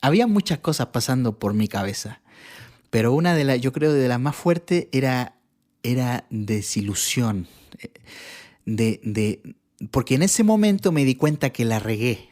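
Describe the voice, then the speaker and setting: A man's voice: mid-range voice, big pitch swings, measured pace, a little mellow. A man from Chile, a podcast guest, telling a personal testimony in casual conversation, earnest and reflective, often restarting his sentences.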